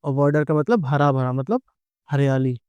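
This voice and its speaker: A man's voice: mid-range voice, moderate pace, a little mellow, smooth, dry recording. A middle-aged man with an Indian English accent gives an exam-prep grammar lecture. He explains patiently, keeps checking in with his students, and asks them questions that he then answers himself.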